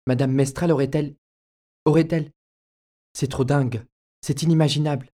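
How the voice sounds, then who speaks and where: A man voicing a shy, embarrassed boy piano student in an audiobook, speaking in a flustered, halting way. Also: a little high, steady tone, mellow, lightly acted. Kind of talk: audiobook character narration.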